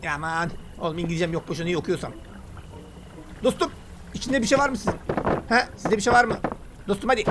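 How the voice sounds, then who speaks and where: A man talking excitedly and casually while he plays a game and comments on it. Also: high-pitched, fast talker, pauses often, background noise. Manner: chatty, excitable, slangy banter. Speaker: gaming YouTuber. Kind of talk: let's play commentary.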